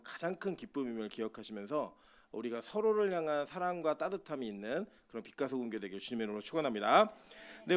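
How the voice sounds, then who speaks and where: A male pastor delivers a midweek sermon in a chatty, story-driven way, slipping into quick bits of acted dialogue. His voice sits a little high for a man and swoops up and down with plenty of life. He talks fast. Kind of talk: Wednesday service sermon.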